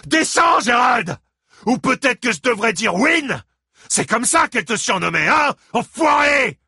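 A man voicing an enraged, grieving father who bellows threats and insults, pitched far above his own voice. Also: big pitch swings, measured pace, bright, forceful tone, slightly rough, no room sound, shouting, clean studio sound, exaggerated voice. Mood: raging shouts.

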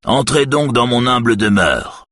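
A man's voice: medium pitch, lively intonation, measured pace, fairly bright tone, dry recording, studio quality, pitched above the performer's own voice. A man voicing a nervous male official with a strident voice, forcing friendliness. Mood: welcoming.

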